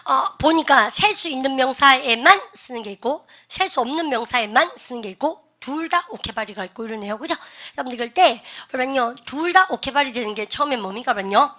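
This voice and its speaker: A bright, forceful woman teaches an English grammar class. She talks in a chatty way, asks her students questions, and has them repeat phrases aloud. Her voice sits a little high. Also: animated, brisk. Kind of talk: classroom lecture.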